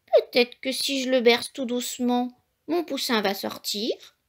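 A woman's voice: on the high side, unhurried. A woman voicing an anxious, loving mother hen who pleads tearfully with her egg. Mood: coaxing.

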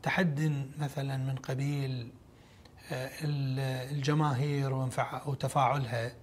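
A middle-aged man with an Iraqi Arabic accent giving a formal television interview in a measured, halting way with pauses. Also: medium pitch, flat delivery, slight background noise. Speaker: interview guest, official. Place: large indoor lobby, seated interview. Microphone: lapel microphone.

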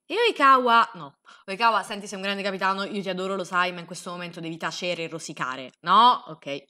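A young woman giving an excitable, sarcastic comedic recap, swearing freely as she reacts. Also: medium pitch, brisk. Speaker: anime recap host.

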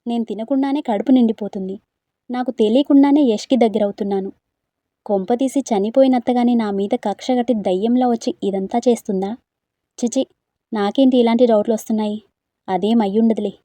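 A woman voicing a suspicious young woman who loudly accuses her cousin. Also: fairly high pitch, fairly quick, no room sound, natural voice. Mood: accusing. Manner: accusing, raised voice.

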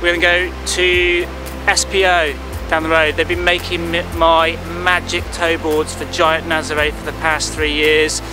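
Surfer host, thirties, slightly high voice, relaxed rambling talk to camera outdoors with music behind. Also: male voice, normal speed, few pauses, low-quality recording. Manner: relaxed and rambling, lots of ums and likes. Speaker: big-wave surfer and vlogger. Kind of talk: casual piece to camera. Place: outdoors on a clifftop by the sea at dusk. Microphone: camera close-up.

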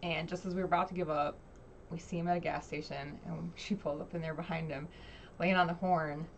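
A woman tells a rambling story in a blunt, profane way. Her voice sits low and gravelly. The recording is dull and lo-fi, with a faint hiss of noise behind her. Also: fairly even intonation, fairly quick. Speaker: host responding to a podcast clip. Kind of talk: casual storytelling reaction.

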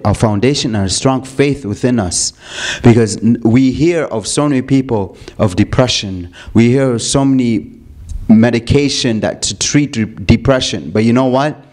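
A man's voice: mid-range voice, a little slow, a little mellow. A young man lecturing youth on faith in a community hall, asking rhetorical questions and often restarting his phrases.

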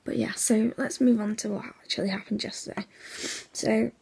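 Hoarse, half-whispering young woman. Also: medium pitch, fairly even intonation, moderate pace, warm tone. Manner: rambling, chatty, with many fillers. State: hoarse, voice nearly gone; sleepy, yawning. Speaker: vlogger. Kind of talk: casual vlog chat.

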